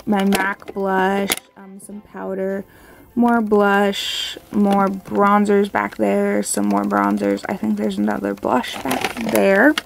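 A young woman vlogs casually at home in an unhurried, creaky voice. An overbite appliance in her mouth gives her words a slight lisp. She rambles in an apologetic, informal way. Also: mid-range voice, noisy background. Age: young adult. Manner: slurred, lisping speech from a new overbite appliance in her mouth. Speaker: beauty vlogger. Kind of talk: casual chat to camera. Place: small bedroom at home.

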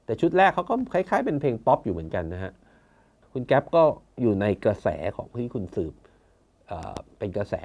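A man's voice: mid-range voice, a little mellow. Blunt, chatty man telling stories. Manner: colloquial, blunt, acts out quoted officials. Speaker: conservation foundation chairman. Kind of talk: casual storytelling talk.

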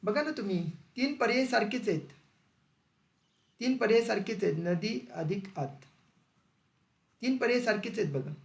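A male teacher taking students through an exam-prep grammar lesson. He asks questions and then repeats the answers slowly. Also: extremely high pitch, lively intonation, vocal fry. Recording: echoey room.

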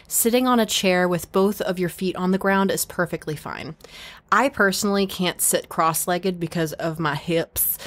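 A woman's voice: fairly low pitch, no echo. A woman hosting a podcast, giving casual spiritual advice in a playful way and swearing freely. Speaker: podcast host.

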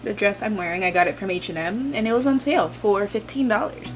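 A woman's voice: medium pitch, lively intonation, quick pace, faint music behind. A young woman talking casually to the camera at home about her day while getting ready. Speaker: vlogger. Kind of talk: casual vlog talk to camera.

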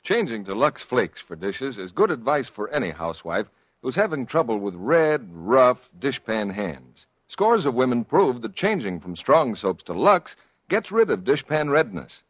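A man as announcer, reading a 1940s radio commercial in a crisp, salesy way. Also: mid-range voice, very animated, unhurried, no echo. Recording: dry old radio broadcast, faint audience.

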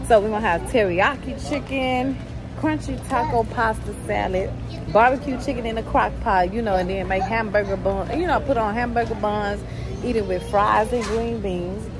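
A woman chats casually to her viewers while she walks a supermarket with a handheld phone. She talks to the camera in a relaxed, running commentary as she shops. Store music plays clearly behind her. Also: medium pitch. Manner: chatty, addresses viewers as y'all. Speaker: vlogger. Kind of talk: casual grocery vlog narration. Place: supermarket aisles. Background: store background music.

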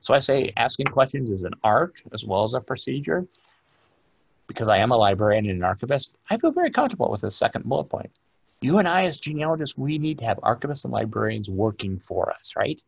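A man's voice: medium pitch, sing-song, fast talker, gravelly, breathy edge, dry recording, lo-fi sound. A man giving a conference lecture as a librarian and archivist, emphatic and direct, with rhetorical questions.

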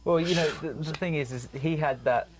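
A man's voice: on the high side, brisk, noisy background. A man who trains boxers, a guest on a radio show, talking chattily with lots of fillers and repeated words. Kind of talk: radio interview.

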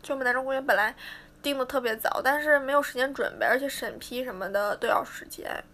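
Chatty teenage girl idol, bright voice. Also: high voice, fast talker. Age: teens. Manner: chatty, playful, mimics fans' teasing. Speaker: idol livestreaming to fans. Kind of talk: casual livestream chat.

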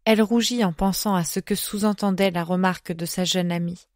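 A woman narrating an audiobook in a measured, expressive reading. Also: on the low side, no echo, clean studio sound. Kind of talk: scripted narration.

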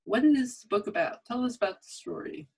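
A woman hosting a podcast interview, asking measured questions in a friendly conversational way, recorded on a condenser microphone. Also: fairly high pitch, animated, creaky, a little mellow, husky, low-quality recording. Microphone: condenser mic on a boom arm.

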